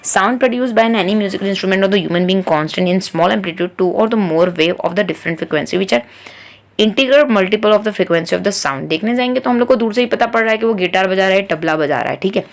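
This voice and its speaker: A woman tutor explains a science textbook, reading English lines slowly and then going over them in Hindi. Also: medium pitch.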